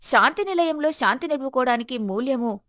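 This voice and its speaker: A woman narrating a moral story in an even, measured storytelling manner. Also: sits high, dry recording, clean studio sound.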